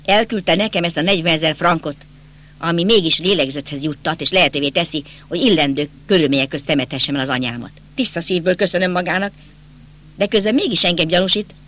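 A man's voice: a little high, a bit bright, close to an everyday voice. A man voicing a bitter, agitated young nobleman in an audiobook, speaking insistently and accusingly. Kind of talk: audiobook character reading.

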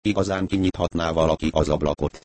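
A man's voice: sits low, fairly even intonation, a little mellow, dry recording, natural voice. A man reading an audiobook, voicing an absent-minded elderly woman who mumbles and drifts between memories. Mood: rambling. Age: older. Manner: mumbling, wandering.

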